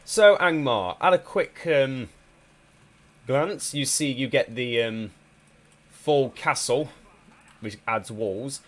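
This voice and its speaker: Slightly stuffy from a cold, a mid-pitched man gives halting, relaxed commentary on a strategy game. He keeps pausing with ums and restarting his sentences.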